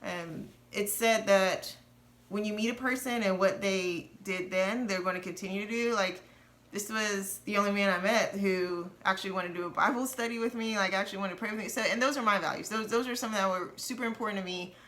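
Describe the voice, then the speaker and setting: A woman's voice: mid-range voice, brisk, fairly bright tone. A woman in her thirties talking candidly and earnestly in a casual conversation about money and marriage. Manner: earnest, candid, laughs nervously at times. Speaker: co-host of a personal finance channel.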